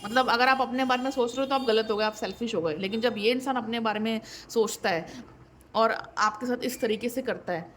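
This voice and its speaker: A fairly high-voiced woman gives a tarot reading straight to camera. She talks plainly and repeats her points with wry disbelief. A faint hum of room noise sits behind her. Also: a little fast, a bit bright. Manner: direct and conversational, often checks in with "ठीक है". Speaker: tarot reader.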